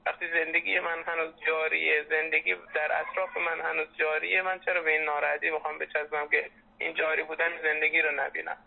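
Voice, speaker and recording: A man's voice: fairly high pitch, flat delivery, vocal fry. A man in his late twenties speaking earnestly and reflectively in a phone conversation, heard over a muffled landline. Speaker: interviewee, former patient. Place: telephone call.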